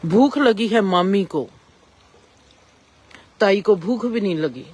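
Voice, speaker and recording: A woman's voice: medium pitch, lively intonation, slow, a little mellow, breathy edge. A woman gives a reflective spiritual discourse and asks rising rhetorical questions. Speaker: spiritual speaker.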